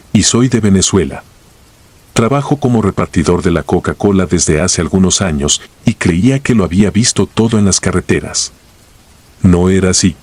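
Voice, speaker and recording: Low, husky man narrating horror. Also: a little mellow. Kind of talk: scripted first-person horror narration.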